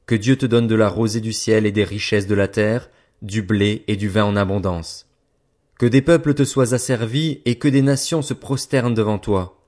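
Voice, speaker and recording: Old patriarch, solemn and grave, read by a man in a lowish voice. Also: normal speed, darkish tone, lightly acted. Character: old blind father, frail and solemn.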